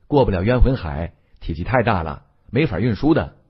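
A man narrating an audiobook voices a cheerful, eager young male companion who talks quickly. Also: lowish voice, expressive, breathy edge, dull audio.

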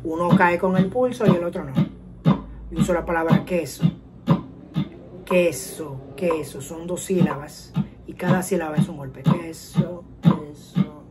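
A woman teaching a guitar lesson, explaining calmly step by step and counting rhythms out loud. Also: on the low side, moderate pace, rough recording. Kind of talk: casual music lesson. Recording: guitar and metronome playing behind. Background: guitar playing and metronome clicks.

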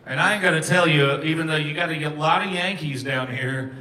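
A man's voice: on the high side, a little fast, recorded from a distance. A man with a Southern American accent, a singer-songwriter doing joking stage banter, teasing the crowd between songs at a live bar show. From Southern United States. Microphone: stage microphone. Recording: echoey live bar recording. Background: guitar and loud music.

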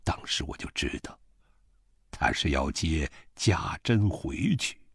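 A man reading a novel aloud as a first-person narrator, slow and expressive. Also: extremely low pitch, gravelly, husky, no echo, studio quality. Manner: slow, expressive, wide-ranging storytelling. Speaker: audiobook reader.

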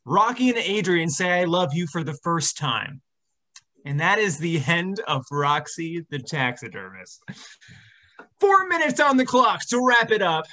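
A man narrating and hosting an improv comedy show, setting up scenes briskly. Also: fairly high pitch, sing-song, sharp tone. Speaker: improv host.

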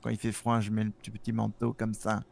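A man playing a polite, fussy news director who talks in halting, hesitant bursts in casual role-play. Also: on the low side, monotone, vocal fry, a little mellow, slight background noise.

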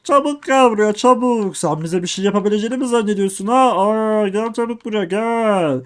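A man's voice: high-pitched, fairly quick, clear, resonant tone, lightly acted. A man voicing a taunting toilet monster. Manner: taunting threats.

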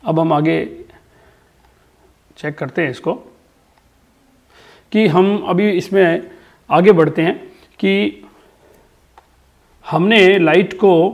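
A man's voice: high voice, very slow, long pauses, highs cut off. A man teaching a physics lesson, explaining step by step, repeating key terms and answering his own questions. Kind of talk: classroom lecture.

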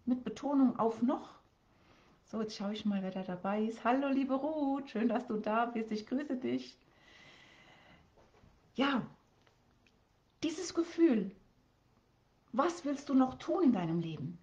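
Higher-voiced woman coaching viewers live. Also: animated, takes it slowly, long pauses, a little mellow, highs cut off. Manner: coaching, asks many questions, with repeated words and restarts. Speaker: life coach. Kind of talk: live stream talk to viewers.

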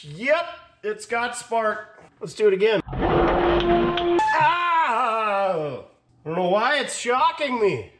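A man's voice: sits high, very animated, slow, pauses often, a bit bright, soft background music. A man narrating his own car repair in a garage, joking and muttering to himself as he works. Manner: joking, self-mocking, muttering to himself while working. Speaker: mechanic, channel host. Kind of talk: casual first-person workshop narration.

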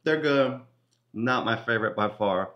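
A man's voice: mid-range voice, unhurried, highs cut off. Middle-aged male food reviewer, casual, talking while crunching chips; echoey room with slight background noise. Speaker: host of food taste-test videos. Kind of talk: casual taste-test review to camera. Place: home kitchen, indoors. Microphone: camera a few feet away. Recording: roomy kitchen echo, background noise, crinkling bag.

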